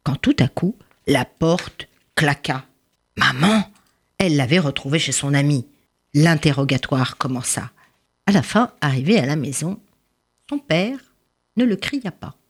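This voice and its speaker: A woman telling a children's tale in an expressive storytelling style. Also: sits low, unhurried, breathy edge.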